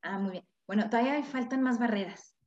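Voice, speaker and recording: A woman's voice: fairly high pitch, brisk, darkish tone. A woman, a guest expert explaining parenting in an interview, who acts out the voices of parents and children. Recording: echoey, dull lo-fi sound.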